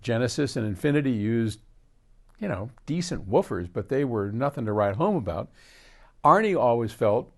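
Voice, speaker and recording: Fielding audience questions in a relaxed Q&A, this older American host talks at a moderate pace in a medium pitch. He's an animated storyteller who wanders off on tangents and acts out remembered conversations.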